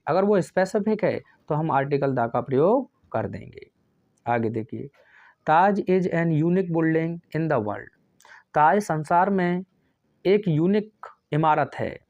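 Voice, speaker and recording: A male teacher giving a grammar lesson, asking questions and then answering them himself, and dictating example sentences very slowly. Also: on the high side, dry recording, narrow, tinny audio. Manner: asks questions and answers them himself, calls students friends.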